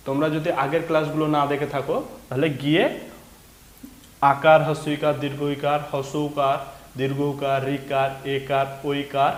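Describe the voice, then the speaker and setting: A man teaching a beginners' reading lesson, slowly spelling out letters and sounds step by step. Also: a little high, echoey room.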